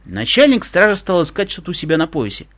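A man narrating a story in an expressive, animated way. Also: high-pitched, quick pace.

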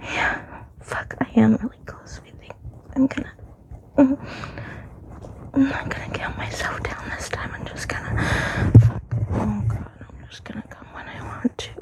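A young woman speaks almost entirely in a hushed, breathy whisper, close to the microphone in a room at home. Her delivery is unhurried and drawn out, with a mellow, somewhat high-set tone broken by quiet laughs and sighs. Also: steady tone, poor audio. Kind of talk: intimate whispered audio recording. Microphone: close handheld mic.

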